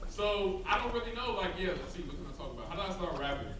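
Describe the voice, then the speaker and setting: A laid-back young rapper from Chicago's South Side speaks as a guest to a student audience in a large hall, rambling casually with lots of "like" and "um." His voice is high-pitched, fast, and lively in intonation, caught on a handheld but distant-sounding mic amid hall echo and crowd noise.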